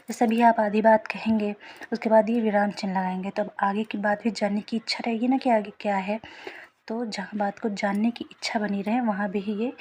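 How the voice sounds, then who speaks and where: A woman's voice: medium pitch, a little mellow, slight background noise. A young woman teaching a Hindi grammar lesson, patient and often half-whispering, checking in with her students as she goes. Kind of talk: explaining a lesson.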